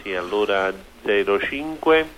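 A man's voice: fairly low pitch, lively intonation, a little slow, noisy background. A man in his fifties with a Neapolitan accent, chatting casually as a caller. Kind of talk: casual chat.

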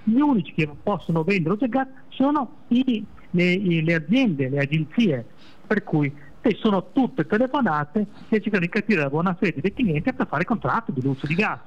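A man's voice: sits high, expressive, normal speed. A man, a lawyer, calling in on speakerphone as a talk show guest, explaining carefully and often restarting his sentences. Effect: on speakerphone over a phone line. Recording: dull phone-line sound.

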